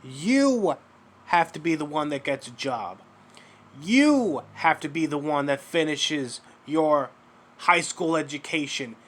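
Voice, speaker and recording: A man's voice: fairly high pitch, expressive, slow pace, fairly bright tone. A man giving mocking reaction commentary, sarcastic and profane, lecturing the person in a clip.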